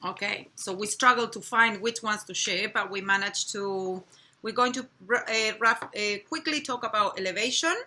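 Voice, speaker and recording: Bright-voiced woman with a Chilean accent. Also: mid-range voice. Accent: Chilean Spanish. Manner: warm, halting, with small slips and restarts. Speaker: co-host. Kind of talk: casual product chat.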